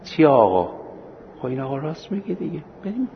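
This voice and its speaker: A man teaching a seminary class on Islamic law, telling anecdotes with acted-out dialogue and slowing down for points of law. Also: fairly high pitch, big pitch swings, gravelly, narrow, tinny audio, noisy background. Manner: storytelling, acting out dialogue, slows for points of law.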